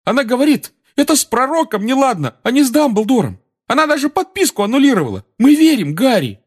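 A man voicing a timid, earnest teenage boy in a shrill falsetto. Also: very animated, brisk, husky, full character voice.

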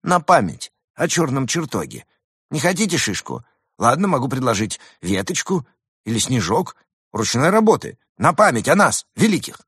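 A man's voice: medium pitch, wildly swooping pitch, moderate pace, a bit bright, breathy edge, dry recording, studio quality, pitched above the performer's own voice, full character voice. A man voicing a pompous wolf trader who poses as a great demon wizard and pushes souvenirs. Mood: wheedling. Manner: boastful, fussy, pushy salesman.

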